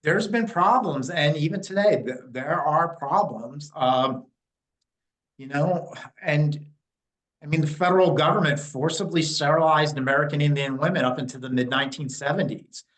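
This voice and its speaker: A man's voice: on the high side, moderate pace, a bit bright, rough recording. A man in his fifties from New Jersey, giving blunt, opinionated answers in a candid interview, with frequent fillers. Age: 50s. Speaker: interview guest, Native community liaison.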